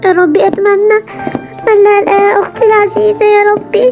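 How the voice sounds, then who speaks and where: A woman's voice: very high-pitched, flat delivery, highs cut off, music in the background. A woman voicing a young girl, an anxious and loving little sister who talks in a pleading, childlike way. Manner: childlike, pleading, quick and breathless. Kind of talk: amateur game drama voice acting.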